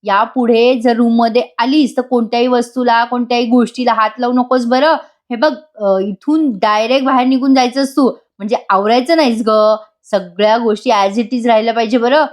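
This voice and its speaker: A woman's voice: on the high side, steady tone, normal speed, hardly any pauses, darkish tone, lightly acted. A woman voicing a lovesick, earnest young husband in a voice-over retelling of a TV serial scene, speaking in a pleading, affectionate way. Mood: insistent.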